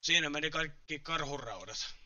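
A man's voice: a little high, pushed and bright, smooth, lo-fi sound, soft background music. A man streaming a video game live, muttering frustrated, swearing commentary.

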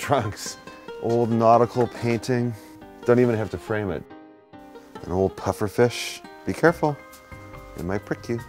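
A man with a very deep voice hosts an on-location tour, narrating and chatting with an enthusiastic, admiring manner. He lingers on words he likes. Music plays clearly beneath his voice. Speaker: on-location host for a furniture brand. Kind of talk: presenter narration and on-site chat. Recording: music playing underneath.

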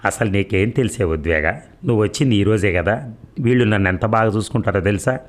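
A man's voice: fairly low pitch, fairly quick, natural voice. A man voicing a dutiful young daughter-in-law in a storybook reading, speaking patiently and respectfully. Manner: patient, respectful, soft-spoken.

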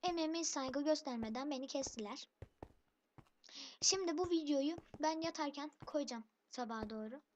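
A gaming channel host does let's play commentary on her own game, irritated and complaining, calling her rivals noobs. Her voice is high and moderately paced, the highs are cut off, and background hiss runs under the recording.

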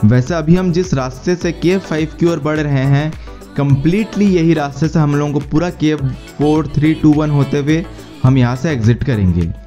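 A man narrating a travel guide in a steady, explanatory tone, mixing English words into his speech. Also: fairly high pitch, moderate pace. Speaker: travel vlogger. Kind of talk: scripted voice-over narration. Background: faint background music.

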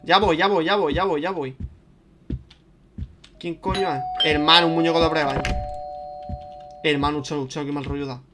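A young man with a Spain Spanish accent, chatting casually and swearing as he plays a video game, turning panicky and loud when scared. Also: a little high, steady tone, normal speed, long pauses, background noise. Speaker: gaming streamer. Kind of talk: casual let's-play commentary.

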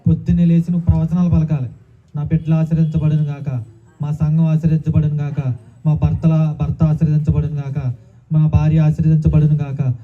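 A man preaching a sermon as pastor, calling out hallelujah often and asking the congregation questions. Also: a little high. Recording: tinny phone-like sound.

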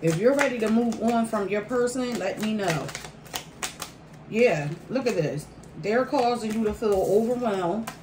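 A woman giving a casual tarot card reading to viewers, pausing mid-phrase and repeating phrases for emphasis. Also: mid-range voice, lively intonation. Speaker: tarot reader. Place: indoor room at a table by a window. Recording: roomy, distant mic, faint background noise.

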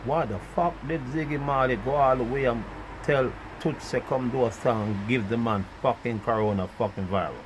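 A man ranting in a profane monologue, rambling and swinging between loud outbursts and muttered asides. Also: mid-range voice, moderate pace, background noise. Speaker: vlogger.

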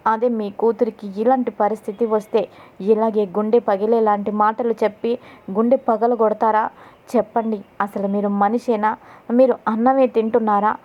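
A woman's voice: fairly high pitch, dull audio, close to an everyday voice. A woman narrator voicing a young woman who defends her sister, speaking indignantly and pleadingly.

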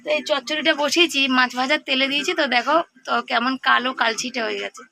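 A middle-aged woman vlogger, hoarse from a cold, chatting casually to her viewers while she cooks in her home kitchen. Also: sits high, fast talker, bright, forceful tone. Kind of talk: casual cooking vlog chat.

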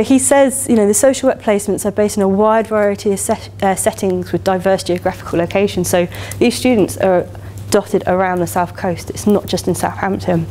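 An English woman in her thirties giving an upbeat, chatty keynote from a lecture hall stage. Her voice is mellow and warm, and she talks with lively enthusiasm, leaning on casual fillers. The room mic catches her from a short distance, with a faint hiss underneath. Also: medium pitch. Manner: enthusiastic, chatty, many "you know" fillers. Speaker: keynote speaker. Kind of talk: conference keynote talk. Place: lecture hall, standing by a lectern.

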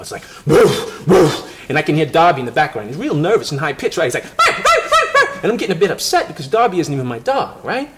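An actor playing a foul-mouthed man who schemes and tells a crude story in animated, profane indie film dialogue. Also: medium pitch, a little hiss or hum, natural voice.

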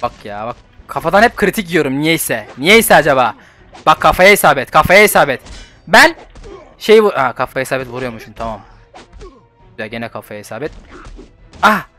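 A young man giving casual gameplay commentary as a channel host, excitable and swearing, swinging from low muttering to shouts. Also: moderate pace, long pauses, soft background music.

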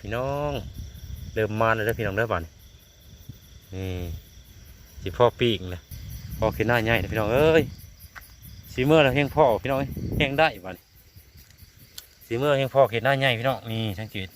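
Out in the countryside at night, a frog-hunting vlogger with an Isan accent from northeastern Thailand keeps turning to his viewers as he shows them his catch. His medium-pitched voice is steady and fairly quick, broken by long pauses, and the clear outdoor recording picks up crickets and insects.

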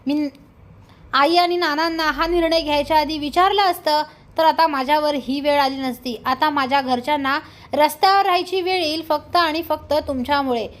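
An angry young man lays all the blame on his partner in a scolding rant, as a woman reads his lines. The voice stays high and light, plainly the reader's own. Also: a bit bright. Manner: accusing, scolding.

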